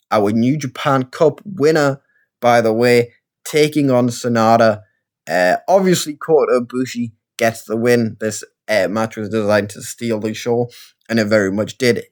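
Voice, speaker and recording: A man with a Geordie accent talks through his gameplay in a loose, rambling way. He pokes fun at himself as he goes, in an easy, mid-pitched voice. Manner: rambling, self-deprecating, chatty. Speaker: gaming video creator. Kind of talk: casual let's-play commentary.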